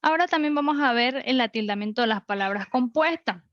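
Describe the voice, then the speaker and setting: Online teacher, woman, higher voice, slightly dull lo-fi mic, methodical. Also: lively intonation, a little fast, dry recording. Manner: explains rules step by step with examples. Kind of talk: online class lecture. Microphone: computer mic.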